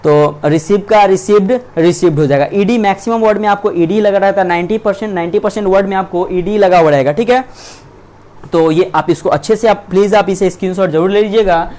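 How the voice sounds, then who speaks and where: A man's voice: high voice, brisk, a little mellow. A young man giving an online English grammar lesson, reading verb forms aloud, often repeating himself and correcting slips. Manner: reads word lists aloud, repeating and self-correcting; keeps checking in with "theek hai".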